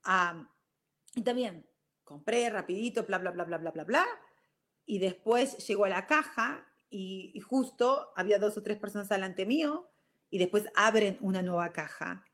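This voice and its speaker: A middle-aged woman with a Rioplatense Spanish accent hosts her own show and tells a personal story in a lively, conversational way. She slips English words into her speech now and then. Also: medium pitch, normal speed. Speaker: show host. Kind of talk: casual storytelling monologue.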